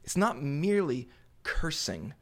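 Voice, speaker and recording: A man preaching a sermon to a congregation, explaining scripture in deliberate, emphatic phrases with pauses, repetition and rhetorical questions. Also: a little high, big pitch swings. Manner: rhetorical questions put to listeners. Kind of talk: sermon, Bible exposition to a congregation.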